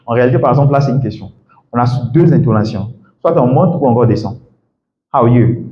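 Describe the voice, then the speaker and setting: A man teaching English to a class of students, lively and full of questions to the room, laughing often. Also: medium pitch, fast, lo-fi sound. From Ivory Coast. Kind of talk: classroom masterclass. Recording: echoey room with faint background noise.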